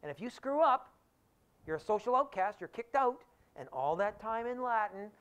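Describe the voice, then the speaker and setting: A man's voice: high voice, lively intonation, brisk. A stern king lays out a firm warning to a new servant, as a lecturer acts him out. The voice stays close to the speaker's own. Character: stern male king granting trust.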